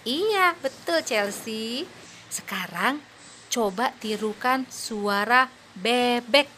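Using a full character voice that is high, expressive, bright and forceful, a woman plays a cheerful young mother in a scripted audio play for children. She speaks slowly, patiently praising and encouraging her two little daughters, with a little hiss or hum audible.

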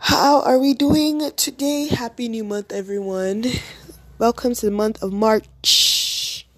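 A woman's voice: fairly high pitch, fairly even intonation, slow pace, a bit bright, no room sound. A young woman from Nigeria hosting a casual faith-based podcast, chatty and upbeat, with an early-morning voice, talking straight to her listeners. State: early-morning voice, just woken up. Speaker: podcast host.

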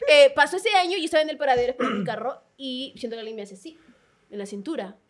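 A young woman with a Peruvian accent telling a personal story in a casual chat, animated and laughing, often breaking in with "escúchame". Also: high-pitched, very fast, crowd noise. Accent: Peruvian Spanish. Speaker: podcast co-host telling a story. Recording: live audience noise behind.

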